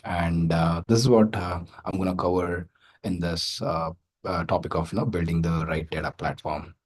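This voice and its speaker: A man's voice: sits low, darkish tone. A man giving a conference talk over a video call, loose and full of filler sounds. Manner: loose, many filler sounds and tag questions. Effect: heard over a video call. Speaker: guest speaker.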